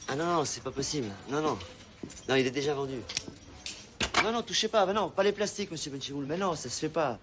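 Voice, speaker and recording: A man playing a fast-talking young salesman. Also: a little high, lively intonation, background noise, lightly acted. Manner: smooth-talking, pleading. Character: young eager male shop salesman.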